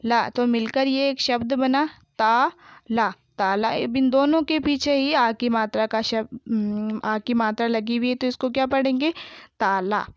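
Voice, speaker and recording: Woman teacher, higher voice, very slow and clear, dull lo-fi audio; spells out words for young pupils, then asks questions. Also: fairly even intonation, no echo. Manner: reads words slowly, then explains and quizzes. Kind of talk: slow word-by-word reading lesson.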